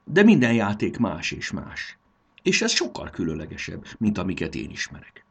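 A man's voice: fairly low pitch, huge pitch swings, gravelly, slightly rough, heavily acted. A man reading a storybook aloud and voicing a cheerful, playful young schoolboy who laughs and boasts. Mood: apologetic.

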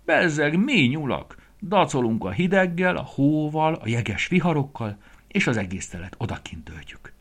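A man's voice: low voice, expressive, pushed and bright, slightly rough, heavily acted. A man voicing a boastful, brave little male rabbit in a children's story, talking in a cocky, sing-song way.

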